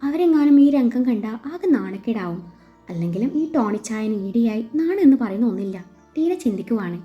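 A woman storyteller reading a romance story aloud in a steady, gentle way. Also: medium pitch. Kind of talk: story narration. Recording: slightly dull with faint music.

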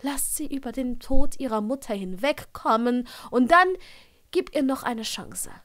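A woman voicing a tart, caring older female witch professor, with a sharp, dry wit, in an audiobook. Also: on the high side, a little slow.

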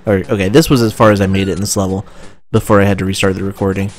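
Low-voiced young man commenting on gameplay. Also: racing. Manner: chatty, excitable, self-correcting restarts. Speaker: let's play commentator. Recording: faint game music behind.

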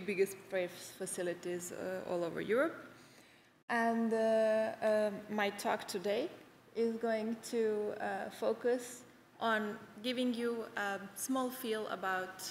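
A woman in her thirties gives a keynote from a large conference stage, her voice carrying a gravelly edge. She talks haltingly, with frequent fillers and restarts. The sound is roomy with a long reverb tail and faint hall ambience. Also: mid-range voice, a little hiss or hum. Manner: hesitant, many fillers and restarts. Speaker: award-winning researcher giving keynote. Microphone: podium microphones.

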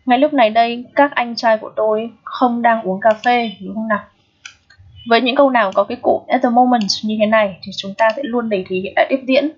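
Husky-voiced woman teaching grammar. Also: medium pitch. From Vietnam. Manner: explains step by step, checks in with students often. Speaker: English teacher. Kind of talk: recorded grammar lesson. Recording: dull, lo-fi sound.

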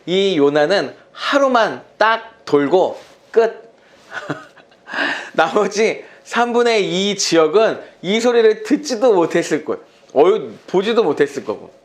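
A man's voice: high voice, takes it slowly. A middle-aged male youth pastor preaching a sermon to teenagers in a chatty, storytelling way with playful asides. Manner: animated storyteller, acts out quotes, chatty with asides.

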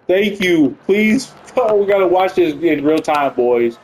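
A man giving excitable, profane live commentary while playing a video game. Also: high-pitched, a little slow, faint music behind, low-quality recording. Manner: excitable, profane, swings between panic and triumph. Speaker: gaming channel host. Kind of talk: live let's-play commentary.

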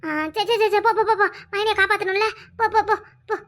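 A lazy, greedy young sister-in-law from a cartoon, played by a woman, careless and cheeky, speaking with a Kanyakumari Tamil accent. Her voice is very high and bright, and she dismisses everyone around her. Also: level tone, fast. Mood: dismissive. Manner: brash, mocking, careless. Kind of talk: cartoon voice acting.

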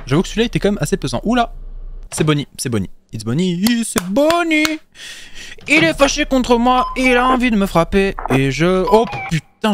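A man hosting a horror game let's play, excitable, swearing and laughing, yelping when frightened. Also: fairly high pitch, noisy background. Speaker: gaming video host.

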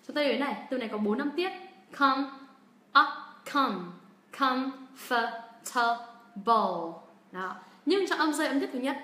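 Young woman as a livestream teacher, slow drilled repetitions, roomy sound. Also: fairly high pitch, sharp tone. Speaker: English pronunciation teacher. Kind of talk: livestream pronunciation lesson. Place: room during a livestream. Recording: roomy echo.

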